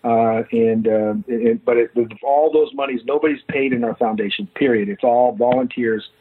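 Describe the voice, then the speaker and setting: Guest, man in his 50s, husky, halting delivery, tinny phone line. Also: mid-range voice. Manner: halting, many fillers and restarts. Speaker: guest, foundation founder. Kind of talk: phone-in interview.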